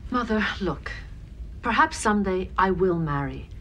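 An actress playing a composed adult daughter serving on a starship, speaking firmly and earnestly. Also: female voice, mid-range voice, lively intonation, unhurried, a little hiss or hum. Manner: firm, earnest.

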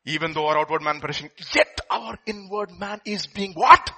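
A man's voice: high voice, fairly quick, bright, forceful tone. A middle-aged man with an Indian accent preaching an impassioned sermon, with emphatic repetition and rhetorical questions. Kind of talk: impassioned sermon with scripture quotes and questions to congregation.

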